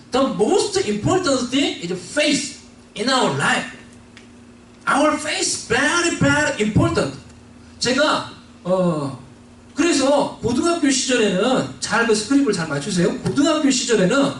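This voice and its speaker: Pastor, lively high sermon voice. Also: male voice, roomy sound, recorded from a distance, slight background noise, poor audio. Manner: storytelling, switching between Korean and English. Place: church sanctuary.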